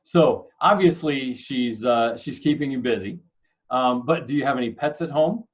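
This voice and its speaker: A young school staff member hosts a casual interview for kids, friendly and upbeat with joking asides. He speaks slowly at a medium pitch, and the recording is muffled.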